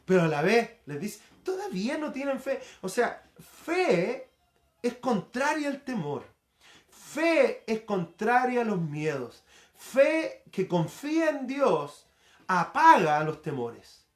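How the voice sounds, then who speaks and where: A man's voice: high-pitched, big pitch swings, takes it slowly. A man preaching a sermon, repeating phrases for emphasis and acting out the voices he quotes. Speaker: pastor. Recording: roomy echo.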